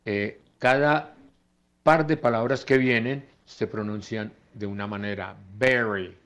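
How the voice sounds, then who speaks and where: A man teaching English phonetics in a lecture, slowly modelling English words aloud as he goes through slides. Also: lowish voice, steady tone, fairly bright tone.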